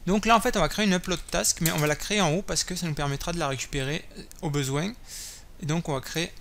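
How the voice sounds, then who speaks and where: A man's voice: a little high, a bit bright, slight background noise. A man hosting a coding tutorial, thinking aloud while typing, with many fillers and self-corrections. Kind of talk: screen-recorded coding tutorial. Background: keyboard typing and clicks.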